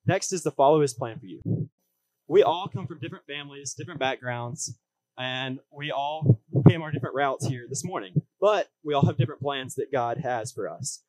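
A man's voice: medium pitch, moderate pace, a little mellow, no echo, low-quality recording. A young man, preaching a youth service message from notes in plain, earnest, short phrases. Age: late teens. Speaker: student speaker at a church youth service. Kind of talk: youth sermon read from notes at a lectern. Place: church hall stage, indoors.

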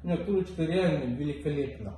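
A man's voice: on the high side, brisk, distant mic. A man vlogging casually and tersely, chewing while talking as he eats on camera. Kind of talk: casual chat. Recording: very echoey room, faint noise.

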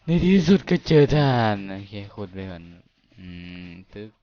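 A man's voice: mid-range voice, big pitch swings, moderate pace, lo-fi sound. A young man giving casual, jokey commentary as he plays a video game, talking to himself and swearing now and then. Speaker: gamer. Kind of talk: casual let's-play commentary. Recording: music playing under the voice.

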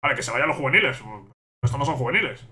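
A man's voice: mid-range voice, expressive, fast talker, pushed and bright. A young man commenting on his own gameplay, exasperated and repeating himself as he rants at the game. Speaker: gaming YouTuber.

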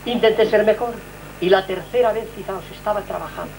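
Old guy preaching his testimony, high voice, very dramatic. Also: a little fast, a little hiss or hum, poor audio. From Valencia, Spain. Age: older. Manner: dramatic, impassioned storyteller who addresses listeners directly. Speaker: hermit giving religious testimony. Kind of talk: fervent spoken testimony.

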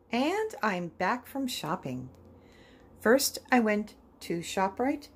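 A woman narrating a budget grocery vlog in voice-over, calmly listing each item and its price. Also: mid-range voice, a little hiss or hum. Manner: calm, list-like item-by-item rundown of prices.

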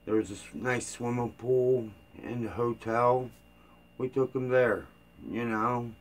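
A man's voice: medium pitch, steady tone, takes it slowly. An older man chatting casually to camera as a vlogger, rambling loosely with plenty of fillers and restarts, and sounding tired. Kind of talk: casual rambling vlog chat.

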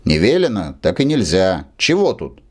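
A man voicing a stubborn male hotel servant who grumbles in a gruff, low-set way. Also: sing-song, normal speed. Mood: grumbling.

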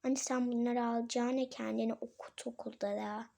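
A woman's voice: a little high, little pitch movement, moderate pace, vocal fry, dark tone. A woman doing a cheeky know-it-all little daughter. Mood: explaining. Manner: pleading, explaining, cheeky. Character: know-it-all young daughter asking for toys. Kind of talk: toy play role-play.

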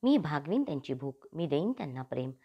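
A woman's voice: low voice, very animated, a little fast, husky, dull audio, full character voice. A woman voicing an earnest, compassionate male spiritual thinker in an audiobook, pleading in inner monologue. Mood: impassioned. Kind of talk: audiobook character reading.

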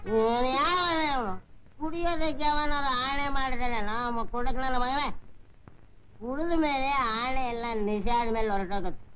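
A man's voice: very high-pitched, normal speed, sharp tone, soft background music, low-quality recording. An actor playing an older drunk father who begs for liquor money in slurred, wheedling talk.

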